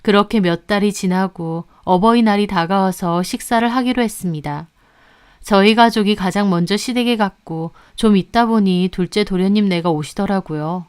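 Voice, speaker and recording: A woman tells a family drama in the first person, narrating steadily and calmly. Her voice is smooth and clear at an ordinary pitch, with an even storytelling pace. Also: moderate pace. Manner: calm storytelling. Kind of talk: scripted narration.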